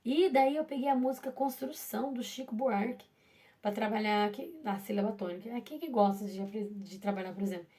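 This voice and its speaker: A woman's voice: fairly high pitch, fairly quick, dark tone. A woman who teaches primary school, telling her classroom story in a chatty, casual way full of restarts and asides to her listeners.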